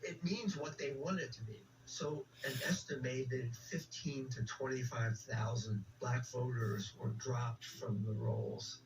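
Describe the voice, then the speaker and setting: Calm man explaining history on radio. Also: mid-range voice, slow pace, gravelly, hardly any pauses, far from the mic, background noise. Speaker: interview guest explaining history. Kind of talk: radio interview.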